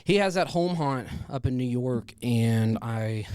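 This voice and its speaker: A man's voice: medium pitch, animated, measured pace, a little mellow, smooth, no room sound, clean studio sound. A man hosting a podcast in casual, profane, slangy chat, often addressing his listeners as guys. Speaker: podcast host.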